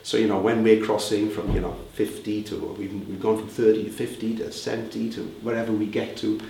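Speaking briskly in a lowish, dark, creaky voice with little pitch movement, a Welsh man who leads a reseller group fields interview questions, full of fillers and restarts. Slight background noise and faint ambience come through a distant mic in a roomy space.

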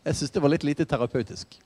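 A man's voice: a little high, a little mellow. Preaching man in a reverberant hall. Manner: conversational, storytelling with asides. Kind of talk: sermon.

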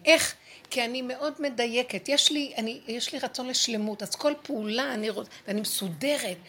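A woman's voice: fairly high pitch, pushed and bright. A woman giving a spiritual lesson to a group, talking emphatically and acting out prayers and dialogue. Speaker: spiritual teacher.

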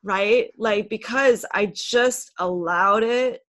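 A woman's voice: medium pitch, takes it slowly, a bit bright. Reflective woman sharing openly. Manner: open and reflective, says "like" often. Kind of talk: casual heart-to-heart chat.

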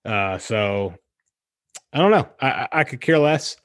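A man's voice: medium pitch, animated, measured pace, fairly bright tone, dry recording, studio quality. A man in a casual sports chat with friends, laid-back and teasing. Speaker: podcast co-host.

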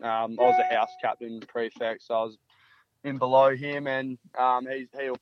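A man's voice: medium pitch, completely flat delivery, moderate pace, muffled recording, very noisy. A man in his early twenties from country Australia, with a laid-back, laconic Australian drawl, answering casually as a footballer in an interview. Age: early 20s.

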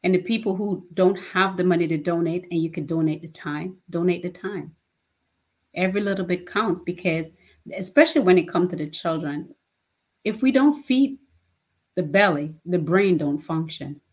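Woman, 50s, slightly low voice, emphatic, plain-spoken, interview guest. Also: normal speed. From Jamaica. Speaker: nonprofit founder, guest. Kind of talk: casual interview talk.

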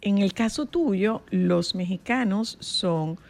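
Woman, radio host, chatty, prompting questions, mid-range pitch. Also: slow, creaky, a little mellow. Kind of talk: radio interview.

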